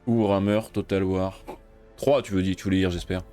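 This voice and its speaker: A man's voice: deep voice, fairly even intonation, normal speed, faint music behind. Frustrated man swearing over his gameplay. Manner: swears loudly in frustration, then mutters. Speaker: gaming video creator. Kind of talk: let's play commentary.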